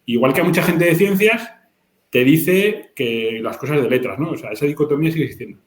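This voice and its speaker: A man's voice: on the high side, animated, brisk, roomy sound. A man, a lawyer speaking bluntly and emphatically in a panel discussion. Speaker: lawyer and book co-author.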